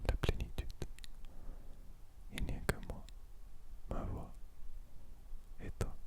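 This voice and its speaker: Very slow, whispering ASMR host. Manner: hushed, soothing, repetitive, hypnotic coaxing. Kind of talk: whispered French ASMR, slow guided sleep relaxation. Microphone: very close to the microphone.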